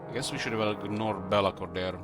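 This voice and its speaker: A man giving casual strategy game commentary, thinking aloud with hesitant pauses. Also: fairly low pitch, steady tone. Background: faint game music.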